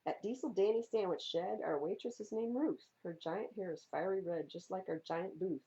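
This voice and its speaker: At a library storytime, a woman reads a children's picture book aloud, stressing and repeating words playfully and theatrically for young listeners. Her fairly low voice is husky and mellow with some creak, at a moderate pace, in a slightly dull, lo-fi recording.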